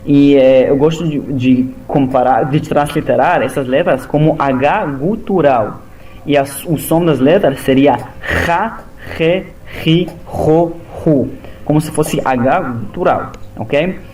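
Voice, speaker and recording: A man teaching a language lesson, explaining sounds slowly and methodically with many pauses. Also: mid-range voice, darkish tone, a little hiss or hum. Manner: slow, halting, methodical explaining. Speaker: Hebrew teacher.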